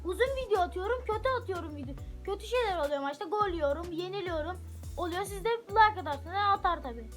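Super high pitched girl chatting thru a soccer game at home, yells at the players sometimes, soft music behind. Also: quick pace. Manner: chatty, bursts into excited shouts at the game. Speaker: gaming channel host. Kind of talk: live gameplay commentary. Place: room at home.

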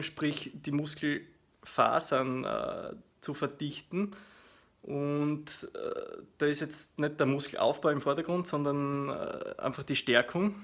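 A man in his thirties with an Austrian German accent casually explains his workout to camera, in a hesitant, explanatory way with frequent filler pauses. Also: mid-range voice, fairly bright tone. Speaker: fitness vlogger. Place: small living room at home, indoors. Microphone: phone at arm's length.

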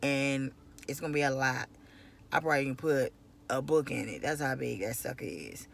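A woman's voice: a bass voice, normal speed, gravelly. A woman vlogger chatting casually to her phone camera from inside a car, in a loose, rambling way that repeats itself. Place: inside a parked car at night. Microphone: phone camera at arm's length.

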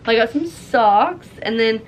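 A young woman with a fairly high voice talks in a bubbly, gushing sorority-girl way, as in a casual unboxing vlog. She is recorded in a small room with some background noise. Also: animated, normal speed. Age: young adult. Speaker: vlogger. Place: small dorm room, indoors. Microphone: camera at about arm's length.

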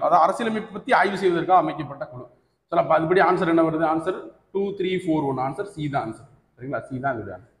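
A man with a Tamil accent teaching an exam coaching class, who keeps asking his students "right?" and mixes English terms into his speech. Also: a little high. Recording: echoey hall recording.

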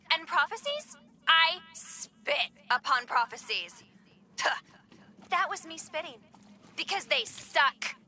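A woman's voice: extremely high pitch, pushed and bright, slight background noise, heavily acted. A woman playing a bitter duchess in a video game, scornful, petulant and emphatic. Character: bitter, petulant duchess sick of her duty. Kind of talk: video game character monologue.

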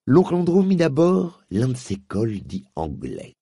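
A man narrating an audiobook with measured, expressive storytelling. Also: medium pitch, vocal fry, breathy edge, no echo, studio quality.

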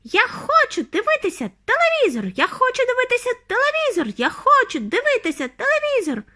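A woman voicing a tiny boy shrunk to mouse size, with a squeaky, whiny, demanding voice. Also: huge pitch swings, brisk, bright, forceful tone, exaggerated voice. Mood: tantrum.

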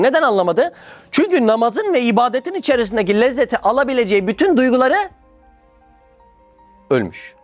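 A man giving a religious talk, telling stories with lively acted-out voices and repeated exclamations. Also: sits high. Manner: animated storytelling, acts out voices, repeats "Allah Allah". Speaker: preacher.

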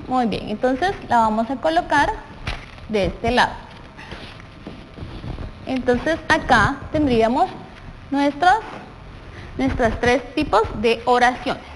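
High-voiced encouraging Guatemalan teacher. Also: female voice. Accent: Guatemalan Spanish. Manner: encouraging, asks questions and answers them herself. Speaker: primary school teacher. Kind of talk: televised classroom lesson. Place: TV studio set with a desk. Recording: long reverb, faint background noise.

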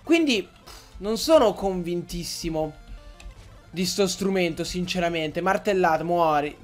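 A young man giving excitable Let's Play commentary, swearing and yelling at the game as he plays. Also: high voice, a little slow, faint music behind. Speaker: gaming YouTuber.

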